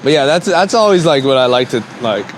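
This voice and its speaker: A man's voice: mid-range voice, expressive, a little fast, a little hiss or hum. A young man in casual chat, joking, laughing often and restarting his sentences.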